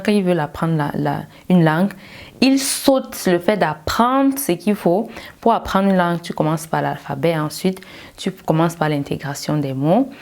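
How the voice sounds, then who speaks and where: Low-voiced woman giving an emphatic pep talk. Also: darkish tone. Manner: emphatic, direct, rhetorical questions. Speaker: English learning coach. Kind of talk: motivational talk to viewers.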